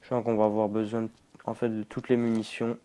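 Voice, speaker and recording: A man's voice: lowish voice, completely flat delivery, a little fast, mellow, smooth. A young man giving jumpy, swearing let's play commentary to his viewers. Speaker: gamer.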